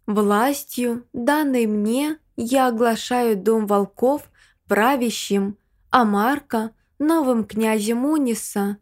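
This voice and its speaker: A composed female ruler makes a proclamation in a calm, clipped, precise voice, read by a woman narrator. Her tone is fairly high and unhurried. It is dignified storybook speech. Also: natural voice. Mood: formal.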